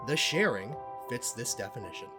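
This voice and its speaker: In an audio drama, an actor voices a self-important cult expert and investigator, delivering lines pompously and dramatically with deliberate pauses. His medium-pitched, expressive voice sounds natural, and the mood is smug and theatrical. Music plays beneath the speech.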